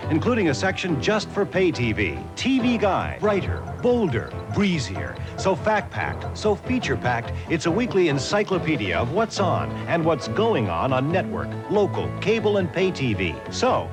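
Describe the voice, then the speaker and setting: A chipper American pitchman reads an upbeat TV commercial in a fairly high voice with very animated intonation. He sells emphatically over a clear music bed. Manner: chipper, emphatic salesman delivery. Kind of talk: upbeat scripted advertising pitch.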